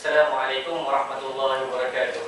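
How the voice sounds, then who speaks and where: A young student panelist giving a formal forum talk, measured, with many fillers and okays. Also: mid-range voice, little pitch movement, distant mic, background noise. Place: large echoing hall. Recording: echoey hall, voice from afar.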